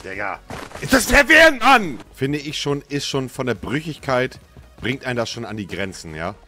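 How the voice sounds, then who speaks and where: A man in his thirties doing casual live gaming commentary into a close mic, with slangy swearing and frustrated exclamations, swinging between muttering and shouting. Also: medium pitch, normal speed, faint music behind. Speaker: livestreamer playing a video game. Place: small dim indoor streaming room. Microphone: close studio microphone on arm, headset.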